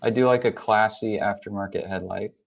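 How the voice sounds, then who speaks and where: A man's voice: on the low side, fairly even intonation, a little fast, creaky. A man co-hosting a casual talk show, chatting in a laid-back, hesitant way. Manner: laid-back, hesitant with ums and I-don't-knows. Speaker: co-host. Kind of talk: casual chat reviewing trucks. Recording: dull lo-fi sound.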